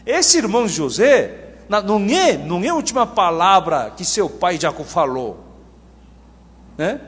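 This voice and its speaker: Male preacher, high animated voice, keeps quizzing the congregation, echoing church hall. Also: measured pace. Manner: animated, questions the audience often. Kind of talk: sermon with congregational Bible reading.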